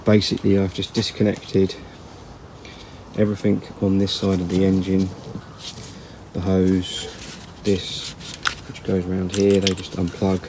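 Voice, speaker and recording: A man's voice: sits low, completely flat delivery, a little slow, background noise. A man casually talking through an engine strip-down outdoors, rambling and plain-spoken, correcting himself as he goes. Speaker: car repair vlogger. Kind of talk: casual workshop commentary. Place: outdoors in a yard.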